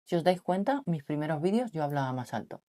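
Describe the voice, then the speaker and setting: A woman speaks to camera in a deep, slightly husky and mature voice. She keeps her tone deliberately soft and reflective, often turning to the listener with rhetorical questions. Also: sing-song. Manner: speaks softly and lowered on purpose, asks the listener rhetorical questions. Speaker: vlogger on relationships. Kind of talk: reflective personal talk to camera.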